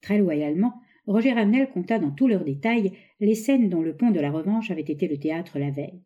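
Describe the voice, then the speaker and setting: A woman narrating a novel aloud in a measured, expressive reading. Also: lowish voice, lo-fi sound.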